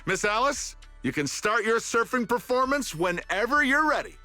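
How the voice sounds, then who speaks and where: An excitable male TV director in an anime game, with a high, bright voice. He is polite and placating, always eager to please, with music behind him. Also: normal speed, full character voice. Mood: apologetic. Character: eager, apologetic young male beach show director.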